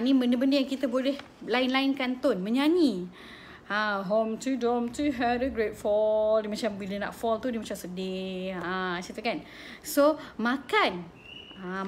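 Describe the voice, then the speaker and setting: High-voiced Malaysian mom host. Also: female voice, a little hiss or hum. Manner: lively, switches between Malay and English. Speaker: host and mother. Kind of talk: casual parenting talk.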